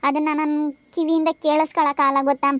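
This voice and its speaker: A woman's voice: high-pitched, flat delivery, fast, dry recording, highs cut off, close to an everyday voice. A woman playing a grieving, gossip-hurt village woman. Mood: sorrowful. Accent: rural central Karnataka Kannada. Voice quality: tearful, lamenting. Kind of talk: amateur village family drama.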